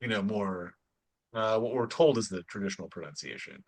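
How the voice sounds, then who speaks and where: Low-voiced middle-aged guy, dry jokey banter, talking football bets. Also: animated, fairly quick. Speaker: podcast co-host. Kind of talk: casual sports chat.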